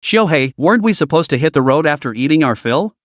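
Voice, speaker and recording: A man's voice: on the high side, expressive, fast talker, a bit bright, no room sound, studio quality. A man voicing Lin Yi, a wry young beast tamer. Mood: urgent.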